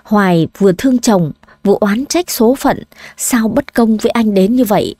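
A woman narrating a dramatic story in an audiobook, reading slowly and with emotion. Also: mid-range voice, mellow, no echo.

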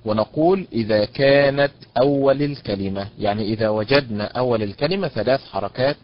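A man's voice: mid-range voice, brisk. A man teaching an online lesson on Quranic recitation stress, patiently drawing out example words and praising his students by name. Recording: dull, dry lo-fi online lecture audio.

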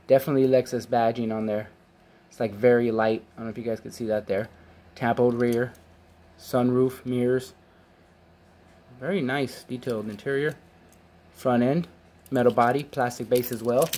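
A man's voice: mid-range voice, a little mellow. A man in his forties casually reviewing toy cars as host of his collector channel, enthusiastic and throwing in playful beep-boop noises. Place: his basement collection room.

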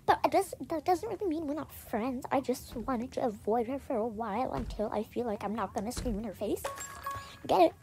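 A woman's voice: fairly high pitch, lively intonation, a little fast, dark tone, faint music behind. A young woman casually telling a dramatic story, acting out the people in it. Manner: chatty and dramatic, acting out quoted friends.

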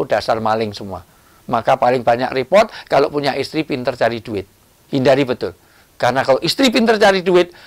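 Male preacher, gravelly voice, animated and joking, rises to near-shouts. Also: on the high side. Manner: lively, joking, animated delivery with sudden loud rises. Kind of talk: sermon.

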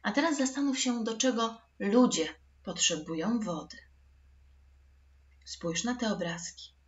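A woman's voice: on the high side, unhurried, muffled recording. A woman teaching a recorded school lesson for children, patient and addressing the pupils directly.

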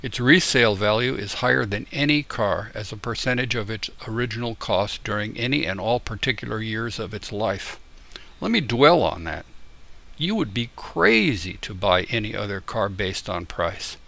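An older man from the United States reading a letter aloud in a deliberate, explanatory way. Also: on the low side, lively intonation, gravelly, bright, forceful tone. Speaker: tutor and YouTuber.

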